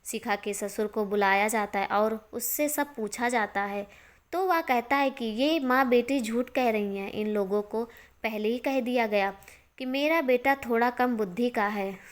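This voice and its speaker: A woman narrating a moral story in a steady, expressive storytelling manner. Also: a little high, unhurried.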